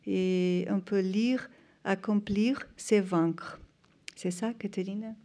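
A woman's voice: mid-range voice, steady tone, takes it slowly, mellow. A woman gives an informal introduction in French, hesitantly searching for her words. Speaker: presenter introducing a speaker.

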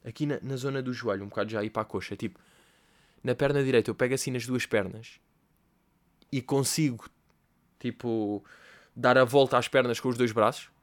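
A man's voice: medium pitch, steady tone, brisk, long pauses. A young man with a European Portuguese accent, hosting a casual comedic podcast and rambling through stories with slang and swearing. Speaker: podcast host.

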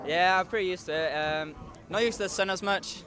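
A nineteen-year-old skateboarder from Liverpool, England, is interviewed at an outdoor event with crowd noise around him. His high voice comes out fairly quick, and he answers hesitantly, filling gaps with lots of filler sounds.

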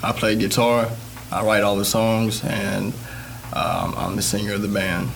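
A young man talks about his band in an earnest, rambling way. His voice is low and gravelly, and clear background noise runs under it. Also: level tone, a little slow. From Mississippi. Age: young adult. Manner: earnest, rambling, with fillers and restarts. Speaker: band guitarist and singer. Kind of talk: casual interview answers. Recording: noisy background ambience.

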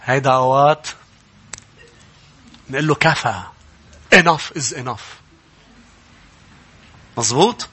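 A middle-aged male pastor with a Lebanese Arabic accent, preaching a sermon that climbs into loud, emphatic passages and calls out for amens. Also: mid-range voice, takes it slowly, pauses often, husky.

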